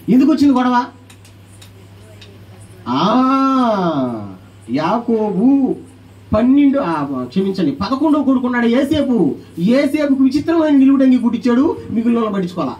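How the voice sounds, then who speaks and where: A man preaching a sermon as pastor, animated, calling on the congregation to answer aloud and acting out quoted voices. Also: sits high, distant mic, poor audio.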